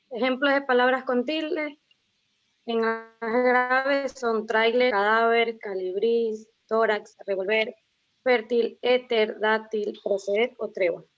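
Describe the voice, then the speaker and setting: Young woman reading a class presentation. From Ecuador. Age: young adult. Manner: reads out rules and lists of example words, with restarts. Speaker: student presenter. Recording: muffled low-fidelity recording.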